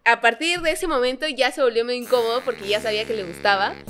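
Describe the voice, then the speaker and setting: A woman's voice: a little high, fast talker. A young woman co-hosting a casual chat, telling a personal story and acting out the dialogue with animation. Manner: animated, laughs while telling stories, acts out dialogue. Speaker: podcast co-host.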